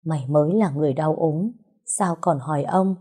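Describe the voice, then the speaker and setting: A woman's voice: deep voice, brisk, dark tone, breathy edge. A woman voicing an elderly grandfather who scolds tenderly and sounds choked up, in a storybook reading. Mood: tender scolding. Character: emotional elderly grandfather, gruff but loving.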